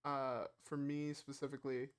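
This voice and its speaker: A man's voice: medium pitch, flat delivery, normal speed, clear, resonant tone. A man co-hosting a casual gaming podcast, rambling with lots of fillers and restarts. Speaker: podcast co-host.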